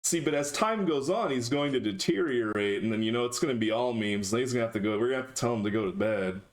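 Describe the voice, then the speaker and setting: A man's voice: mid-range voice, animated, fast talker. A man chatting casually on a live stream, talking to his chat in a dry, sarcastic way.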